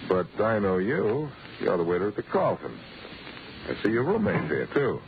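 Wisecracking detective guy in old radio show, low gravelly voice, lively delivery, muffled. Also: moderate pace, slight background noise. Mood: pressing, confident. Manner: wry, assertive. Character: brisk, wisecracking adult male amateur sleuth. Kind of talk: 1940s radio acting.

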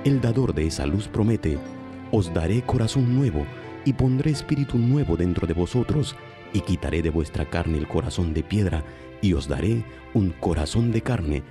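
A man with a very deep voice narrates a religious radio program in a solemn, measured way. Music plays steadily under his words. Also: expressive.

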